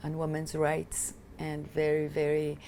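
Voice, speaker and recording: In this interview, a woman in her fifties from Afghanistan, a film director and activist whose first language is Italian, speaks as a guest with passion and emphasis. Her low, dark voice stays monotone and unhurried, and there is slight background noise.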